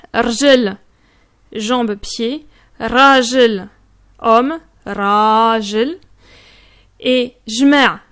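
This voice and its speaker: A woman with a high voice gives a friendly, informal pronunciation lesson and speaks straight to the viewer. She takes her time and repeats each word slowly and carefully so the difference comes through. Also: a bit bright. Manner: slow, careful drilling of words with repeated examples. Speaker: Moroccan Arabic teacher and blog host.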